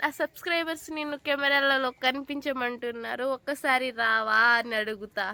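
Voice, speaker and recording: Very high, bright-voiced woman vlogger. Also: steady tone, a little fast, creaky. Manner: playful, teasing, coaxing. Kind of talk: casual home vlog chat.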